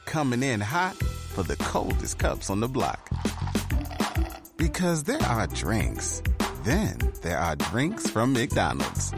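A man reading a scripted ad in a slow, emphatic voice. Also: fairly low pitch, huge pitch swings, creaky. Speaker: ad voice-over. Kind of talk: scripted ad read. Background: music.

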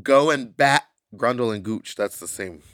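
A man's voice: mid-range voice, animated, measured pace, fairly bright tone, no echo, clean studio sound. A man podcast host chatting casually and comedically in a sassy, campy drag-queen manner, full of slang.

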